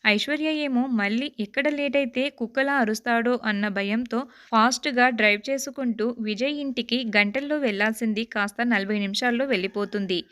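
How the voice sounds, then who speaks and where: A woman's voice: fairly high pitch, a little fast, fairly bright tone. Woman narrating a love story.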